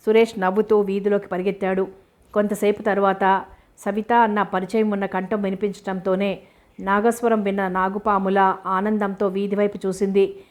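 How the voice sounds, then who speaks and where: Female audiobook narrator, mid pitch, flat, steady reading. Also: normal speed.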